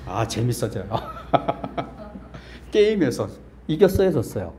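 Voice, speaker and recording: A man's voice: medium pitch, sing-song, takes it slowly, mellow. A male pastor preaching a sermon in a small church, quizzing the congregation and joking with them, then building to emphatic, insistent peaks. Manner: asks the congregation questions and jokes with them.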